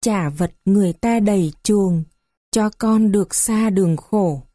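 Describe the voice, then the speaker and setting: A woman's voice: mid-range voice, measured pace, warm tone, dry recording, studio quality, natural voice. A woman voicing a desperate young daughter-in-law who pleads in a tearful lament. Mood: pleading lament.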